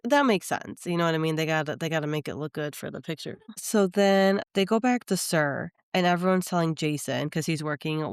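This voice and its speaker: A woman co-host chats in a smooth, clear voice. She recaps the episodes in a lively way and acts out the quoted lines. The sound is dry and close to the mic. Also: low-pitched, no room sound. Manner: chatty, animated retelling with quoted lines. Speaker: podcast co-host. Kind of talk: casual chat recapping reality TV.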